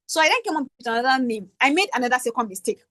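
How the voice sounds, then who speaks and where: Nigerian woman running a workshop session, kinda high voice, dry close sound, keeps asking "right?". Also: animated, rapid-fire, a bit bright, no echo. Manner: conversational, checking in with "right?". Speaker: workshop facilitator. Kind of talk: online teaching session.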